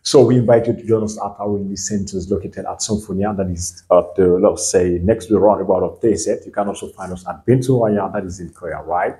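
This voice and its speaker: A man's voice: low-pitched, fairly even intonation, moderate pace, hardly any pauses, dark tone. A young Guinean man with a Guinean French accent, teaching a bilingual pronunciation lesson and often checking that listeners understand. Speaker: English and German teacher.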